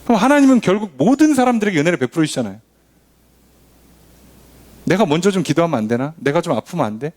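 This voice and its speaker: A man's voice: sing-song, fast, long pauses, darkish tone. A man preaching a sermon as a pastor, asking rhetorical questions and acting out quoted voices. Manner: acts out quoted voices, shifting pitch often. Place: church.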